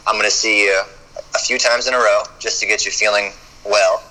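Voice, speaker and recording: A man's voice: fairly low pitch, steady tone, fairly quick, bright, forceful tone, rough recording. A man, a chiropractor guest on a podcast, talking casually and often stumbling over repeated words as he starts a thought.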